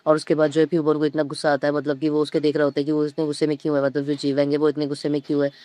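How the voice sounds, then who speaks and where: Fast-talking man with a flat voice. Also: a little high, no echo. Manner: fast retelling with quoted lines and fillers. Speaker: narrator retelling a comic story. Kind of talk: casual storytelling narration. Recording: dull dry lo-fi sound.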